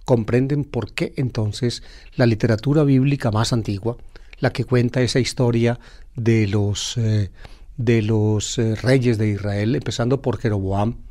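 A priest giving a sermon, reading a Bible passage aloud and then explaining it to his listeners, with pauses and hesitant fillers. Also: mid-range voice, steady tone, warm tone. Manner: addresses listeners directly.

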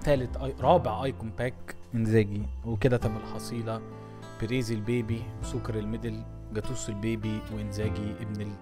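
A man with an Egyptian Arabic accent, commentating his own pack openings as a gaming streamer, jittery and swinging between mumbles and shouts. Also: on the low side, little pitch movement, fast, over music.

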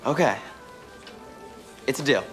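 A man's voice: medium pitch, animated, unhurried, natural voice. A young actor playing a short, earnest teen boy, a bit hesitant and touchy, in a sitcom. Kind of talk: sitcom acting. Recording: TV sitcom with loud laugh track and music. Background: loud audience laughter and music.

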